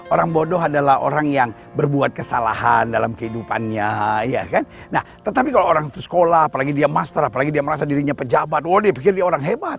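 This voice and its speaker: A male pastor with an Indonesian accent, preaching an animated sermon full of jokes and rhetorical questions. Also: on the high side, creaky. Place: outdoors at a rocky site.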